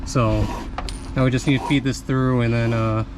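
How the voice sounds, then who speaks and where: Faint background noise lies beneath a young man's middle-pitched voice as he casually walks viewers through fitting a radio in his truck. He's relaxed and talkative, pausing frequently on "uh," and the camera mic's distance keeps shifting.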